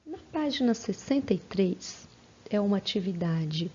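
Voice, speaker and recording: Slow, patient teacher woman, husky. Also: medium pitch, expressive, dark tone, highs cut off. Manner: patient, sounds out words syllable by syllable. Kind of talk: recorded lesson for young children.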